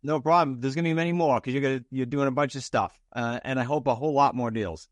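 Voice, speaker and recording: A podcast host opens his show and chats through an interview in an upbeat, informal way, talking fast in a mid-range voice. He's emphatic, repeating words for stress, and the recording has no echo.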